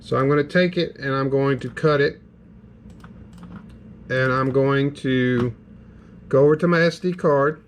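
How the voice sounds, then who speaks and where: A man's voice: mid-range voice, a little slow, long pauses, slight background noise. A man with a Southern US accent talking casually through a step-by-step tech tutorial, full of ums and restarts. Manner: rambling, filler-heavy, step-by-step narration. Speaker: game hardware reviewer. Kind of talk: casual screen-recorded tutorial.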